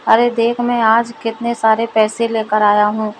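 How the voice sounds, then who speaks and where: A woman's voice: fairly high pitch, little pitch movement, unhurried, a little hiss or hum, close to an everyday voice, poor audio. A woman voicing a greedy village farmer. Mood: boastful. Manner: boastful, then pleading.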